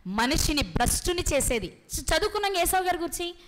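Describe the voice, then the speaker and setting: A woman preaching a sermon with a Telugu accent, asking rhetorical questions and pausing for effect. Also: very high-pitched, big pitch swings. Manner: rhetorical questions, dramatic pauses.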